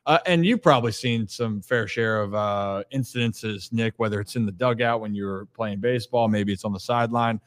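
A man's voice: on the low side, normal speed, few pauses. A man hosting a podcast, sharing stats and steering the chat in an upbeat, casual way. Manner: upbeat, stat-sharing, leads the talk. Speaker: podcast host.

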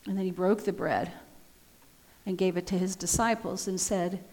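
A woman pastor leading a communion liturgy in a solemn, measured way, her voice ringing with a cathedral echo in a church sanctuary. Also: lowish voice, steady tone, a little mellow. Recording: long church reverb.

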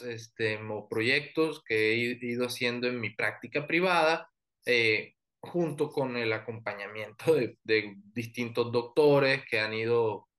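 Colombian coastal man, relaxed and hesitant. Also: medium pitch. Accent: Colombian Caribbean coast. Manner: relaxed, frequent fillers and restarts. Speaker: orthodontist guest. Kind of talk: professional interview and presentation.

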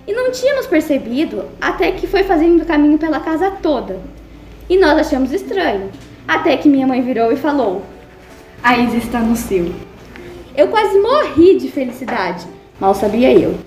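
A young female student reads her own story aloud in a lively, expressive way. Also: high-pitched, normal speed, roomy sound, faint music behind.

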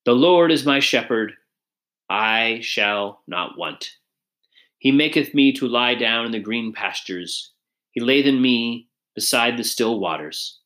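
A man voicing a ragged soldier who speaks slowly and hesitantly, searching for words. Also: medium pitch, animated, bright, forceful tone. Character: ragged blue-eyed soldier, male.

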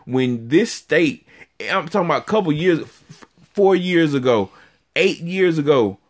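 A man co-hosting a podcast in casual chat, ranting in animated bursts. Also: on the high side, a little slow. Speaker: podcast co-host.

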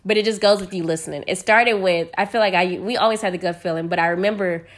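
A woman's voice: lowish voice, fairly even intonation, fast. A young American woman hosting a casual solo podcast, talking frankly and energetically with plenty of profanity. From United States. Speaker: podcast host.

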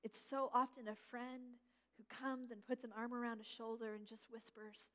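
A middle-aged woman pastor delivers a gentle, reflective sermon in a high, light voice. She slows down to lean on key words. Her voice carries a long reverb tail, as in a large church hall. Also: flat delivery.

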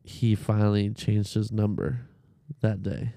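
A man's voice: fairly low pitch, little pitch movement, unhurried, vocal fry, warm tone, dry recording, clean studio sound. A man on a casual podcast, telling a long story with profanity, fillers and restarts. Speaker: podcast co-host.

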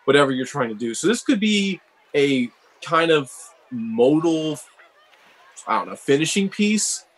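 A man's voice: a little high, sing-song, measured pace, husky, low-quality recording. A man co-hosting a casual chat about game cards, rambling and filling his talk with "like". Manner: rambling, heavy use of "like". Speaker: co-host reviewing cards.

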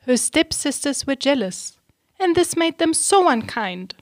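Storybook read-aloud: a woman, slightly high voice, slow, measured rhyming delivery. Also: big pitch swings, no echo, clean studio sound. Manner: slow, clear rhyming delivery with questions to children.

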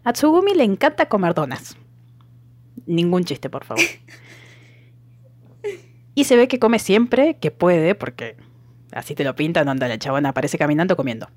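Argentine woman podcast co-host, low-ish voice, dry close sound, joking and animated. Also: normal speed, pauses often, no room sound. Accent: Argentine Spanish. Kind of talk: casual chat.

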